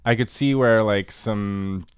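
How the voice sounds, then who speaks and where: A man's voice: on the low side, slow, smooth, no echo. Man, laid-back podcast co-host, rambling, dry recording. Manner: laid-back, rambling, lots of likes and ums. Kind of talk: casual film podcast chat.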